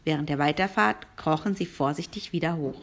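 A woman narrating a children's novel aloud in a lively storytelling manner. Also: deep voice, fairly quick.

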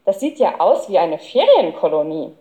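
A cheerful little girl chatters in a chirpy, raised voice, as a woman reading a storybook puts her on. Her pitch hops around brightly. The underlying tone stays soft and mellow. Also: very animated, moderate pace.

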